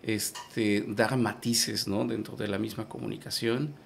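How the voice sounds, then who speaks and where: A guest from Yucatán, Mexico, whose first language is Maya and who speaks with a Yucatecan Spanish accent, explains things patiently in a conversational interview, with many fillers and restarts. His lowish voice is gravelly, flat and a little slow, with slight background noise.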